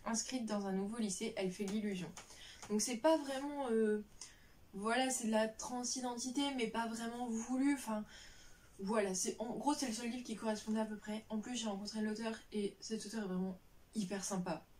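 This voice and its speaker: A woman's voice: on the high side, fairly even intonation, normal speed, darkish tone, distant mic, a little hiss or hum. A young woman chatting casually about books on a vlog, rambling with lots of fillers and restarts. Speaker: book vlogger. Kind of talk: casual chat.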